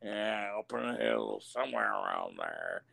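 A man voicing a folksy old country lawman with a slow drawl and rural turns of phrase. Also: on the low side, wildly swooping pitch, creaky, bright, forceful tone, voice pushed down, heavily acted.

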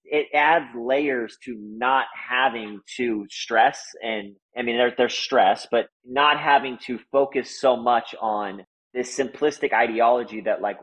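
A man's voice: medium pitch, steady tone, normal speed, fairly bright tone, husky, poor audio. A man telling his business founder story in a casual interview, earnest and loose, full of "like" and "right?".

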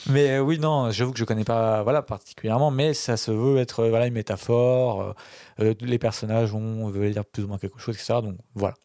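A man's voice: medium pitch, fairly even intonation, brisk, warm tone, dry recording, studio quality. A man defending his film pick on a podcast, talking with lots of hesitations and restarts. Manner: hesitant, many fillers and restarts. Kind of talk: casual film podcast chat.

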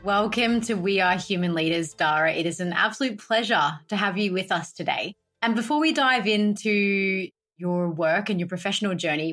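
A woman hosting a podcast, reading a scripted introduction and welcoming her guest in a measured way. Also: lowish voice, fairly bright tone. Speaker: podcast host.

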